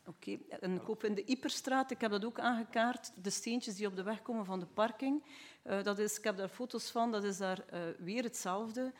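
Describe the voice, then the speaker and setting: A Flemish woman speaking as a council member, laying out local problems in earnest detail. Her voice is mid-pitched. She talks at a steady, even pace. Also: normal speed. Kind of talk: asking questions at a council meeting.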